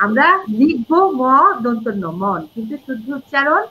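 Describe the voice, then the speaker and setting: A woman's voice: fairly high pitch, lively intonation, normal speed, fairly bright tone, slight background noise. A middle-aged woman, a Bangla teacher and reciter, explaining pronunciation rules in a live interview and demonstrating words and short sung lines. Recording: dull lo-fi audio.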